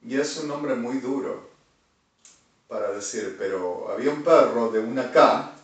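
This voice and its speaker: Rambling Argentine man in echoey room. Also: unhurried. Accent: Argentine Spanish. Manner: erratic, swings from low muttering to loud shouting. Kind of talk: rambling monologue to camera. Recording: very echoey room, far from the mic.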